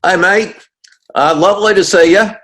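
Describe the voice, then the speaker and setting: A man's voice: high-pitched, moderate pace, fairly bright tone, voice pushed up. A man in his sixties doing a put-on Australian accent as a cheery Australian bloke, chirpy and sing-song. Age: 60s.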